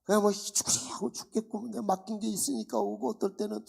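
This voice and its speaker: A male pastor delivering a sermon in a high, husky voice with plenty of gravel. He keeps throwing rhetorical questions at the congregation in an animated, lively way. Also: a little fast. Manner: animated preaching with rhetorical questions and acted-out dialogues. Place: church.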